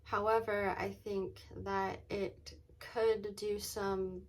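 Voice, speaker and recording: A woman chatting casually in a vlog, often saying "like" and "um" and pausing to think aloud. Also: mid-range voice, flat delivery, rough recording. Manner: says "like" and "um" very often as filler; halting, thinking aloud, trailing off mid-sentence. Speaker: vlogger.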